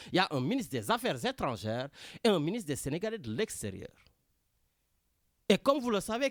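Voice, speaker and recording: Over a studio microphone with no echo, a high-pitched man with a Senegalese French accent runs a talk radio program. Lively and animated, he keeps turning to his co-host and calling him by name.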